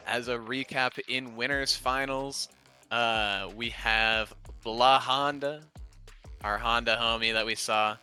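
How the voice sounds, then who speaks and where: A man doing enthusiastic play-by-play for a fighting game tournament, with loud bursts of hype. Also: mid-range voice, fairly even intonation, takes it slowly, smooth, faint music behind. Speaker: tournament commentator. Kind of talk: esports commentary.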